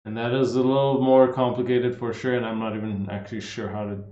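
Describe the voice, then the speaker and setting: A man casually answering viewers' fitness questions on a livestream, relaxed and chatty, often saying "man" and "like". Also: medium pitch, fairly quick. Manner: laid-back, says "man" and "like" a lot, reads questions aloud. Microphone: streaming setup. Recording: roomy, slightly dull livestream audio.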